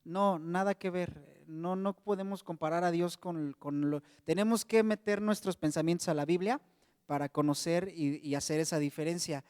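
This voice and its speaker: A Mexican man with a fairly high voice preaching a sermon, talking to his congregation in a friendly, conversational way. His voice sits close and dry, with a long reverb tail from the hall around it. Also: fairly even intonation, normal speed, darkish tone, clear, resonant tone. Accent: Mexican Spanish. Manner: conversational, addresses congregation as brothers.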